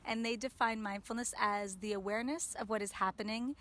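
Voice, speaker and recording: A woman who teaches mindfulness answers interview questions in a calm, explanatory way, often starting with "um" or "so". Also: medium pitch, a little fast.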